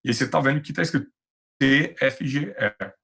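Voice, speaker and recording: Brazilian guy teaching physics online, gravelly voice, patient and chatty, lots of "tá?". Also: mid-range voice, a little fast, fairly bright tone. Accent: Brazilian Portuguese. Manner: patient, reassuring, chatty with filler tags. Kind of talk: online class lecture.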